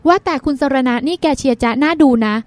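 A calm young boyfriend, patient and soft-spoken, as a woman reads him in an audiobook. The voice sits high, and it is slow and unhurried. The sound is close and dry. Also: dry recording. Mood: soothing.

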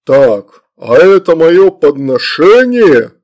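A man's voice: on the high side, very animated, slow pace, darkish tone. A man voicing an arrogant, irritable male demon lord in the body of an infant, snapping with indignant menace in a storybook reading.

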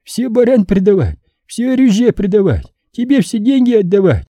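A man voicing a furious wounded young male avenger who shouts in broken speech. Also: high voice, big pitch swings, normal speed, dry recording, clean studio sound, voice pushed up. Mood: agitated, eager.

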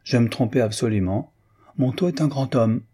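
A man's voice: medium pitch, normal speed, warm tone, slightly rough, lightly acted. A man voicing a chatty, teasing aristocratic Parisian woman in an audiobook, with a mocking, gossiping manner. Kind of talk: audiobook reading.

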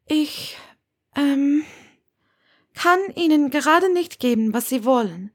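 High-voiced defiant young witch read by a woman. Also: expressive, slow, heavily acted. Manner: high, bright, defiant and teasing.

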